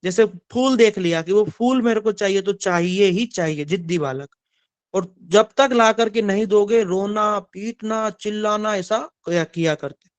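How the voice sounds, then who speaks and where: Man, devotional storytelling sermon, animated, high pitch, dry close sound. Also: a little slow, clean tone, dry recording. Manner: animated storytelling, asks the audience. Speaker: spiritual storyteller.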